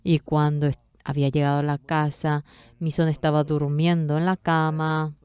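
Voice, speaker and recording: A woman interpreting a pastor's sermon live, telling the story in a measured way. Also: deep voice, little pitch movement, a little mellow, clean tone, no echo.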